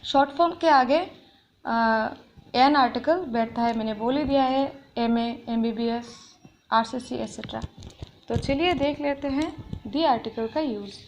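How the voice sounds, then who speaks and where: High-voiced woman teaching grammar. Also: a little hiss or hum. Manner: explains patiently, reads English examples slowly. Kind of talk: explaining a grammar lesson.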